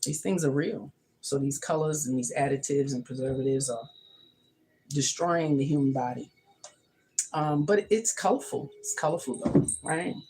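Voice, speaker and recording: Low-voiced woman hosting a kitchen livestream. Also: normal speed, a little mellow, a little hiss or hum, poor audio. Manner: emphatic, repeats her points. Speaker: livestream host. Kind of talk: casual livestream monologue. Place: home kitchen.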